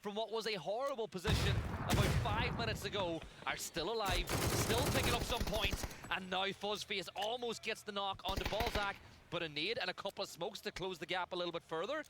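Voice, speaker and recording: Male esports caster, high and brisk, heavy game noise underneath. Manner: brisk, excitable, jokey. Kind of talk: play-by-play commentary.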